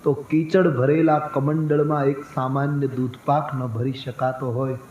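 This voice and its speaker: A man voicing a wise sage who gives forceful moral counsel in a storytelling sermon. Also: medium pitch, little pitch movement, a little slow, a little hiss or hum, natural voice. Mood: admonishing. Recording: echoey, dull.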